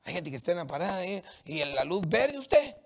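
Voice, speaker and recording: A man from Latin America preaching a sermon, animated and emphatic, with humorous anecdotes from the street. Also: sits high, a little fast, creaky.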